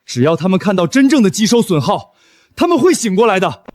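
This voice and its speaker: A man's voice: high-pitched, brisk. A man playing a stubborn principled farmer. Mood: resolute. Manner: firm, steady. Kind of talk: drama voice acting.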